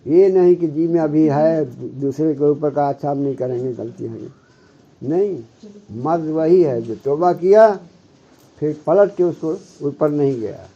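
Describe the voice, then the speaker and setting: A man giving a devotional sermon as a Sufi spiritual guide, often stopping to check with his listeners and slowly reciting Arabic scripture. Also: on the high side, dark tone. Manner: keeps checking with listeners, "hmm?". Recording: muffled lo-fi recording.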